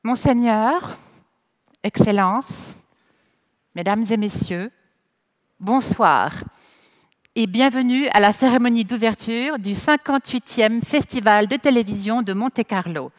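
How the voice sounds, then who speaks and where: A French-accented woman with a slightly high voice, recorded with no room sound, hosts a festival's opening ceremony on stage in front of an audience. She delivers her bilingual French and English hosting deliberately, teasing the crowd and cracking playful jokes.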